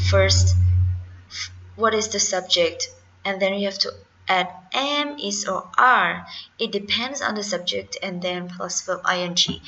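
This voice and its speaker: Khmer accent woman teacher, slow and patient, spells stuff out, bright sharp voice. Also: mid-range voice, rough recording. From Cambodia. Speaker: English teacher. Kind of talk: classroom grammar lesson.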